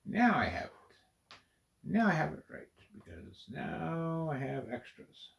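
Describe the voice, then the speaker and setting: Brief: gravelly man, slow unhurried delivery, mumbles counts to himself and jokingly scolds the pieces. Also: a little high, very animated. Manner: mutters and counts pieces under his breath; playfully scolds the pieces as rascals. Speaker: video creator. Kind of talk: building vlog, talking to himself.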